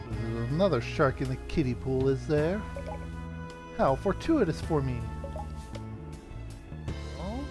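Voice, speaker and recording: A man reading aloud the lines of a haughty, scheming female pirate queen villain from a video game, with game music playing behind. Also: fairly high pitch.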